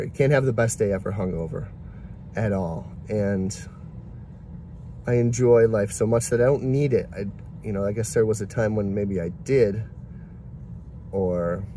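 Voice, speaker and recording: A man's voice: on the low side, warm tone, slight background noise. Man in his forties vlogging from car. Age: 40s. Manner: candid, self-reflective, rambling. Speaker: delivery driver vlogger. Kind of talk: casual reflective vlog talk. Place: inside a parked car. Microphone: phone camera at arm's length.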